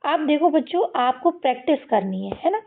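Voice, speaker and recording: A woman's voice: high voice, lively intonation, normal speed, gravelly. A woman teaching children to read English words, repeating each sound and asking them questions as she goes. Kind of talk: slow explanatory lesson to children. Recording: tinny phone-like recording.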